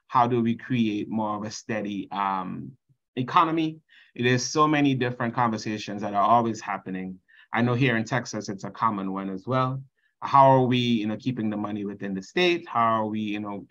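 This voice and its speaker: A man's voice: fairly low pitch, fairly bright tone, dull audio. Trinidadian man presenting on a video call. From Trinidad and Tobago. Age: 30s. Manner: earnest, reads slide text then explains. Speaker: conference presenter.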